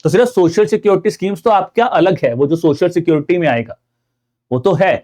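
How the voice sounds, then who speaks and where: A man with an Indian accent teaches an online exam-preparation class, his voice sitting a little higher than most men's. He explains point by point, keeps addressing his viewers as friends, and mixes English terms into his speech. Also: a little fast, dark tone. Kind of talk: online lecture.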